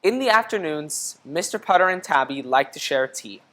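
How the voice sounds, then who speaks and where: Here a woman with a low voice reads a children's picture book, switching from narration to questions aimed at her young audience. Her delivery is expressive and teacherly at a normal speed, and the recording is rough.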